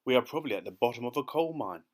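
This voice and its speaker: A man's voice: mid-range voice, lively intonation, racing, close to an everyday voice. A man acts out a pessimistic storybook earthworm, male and forever gloomy. He complains and foretells doom with dramatic misery.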